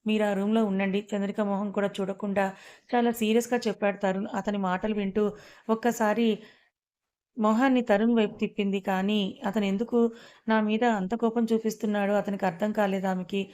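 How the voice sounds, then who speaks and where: A woman's voice: mid-range voice, steady tone, brisk, a little mellow. Woman narrating an audio story evenly.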